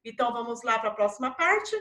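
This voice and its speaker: A woman teaching a primary school lesson in a Brazilian Portuguese accent, patiently drawing out each example word slowly. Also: on the high side, lively intonation, sharp tone, echoey room. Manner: slow, drawn-out pronunciation of example words; patient and encouraging. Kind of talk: recorded classroom lesson.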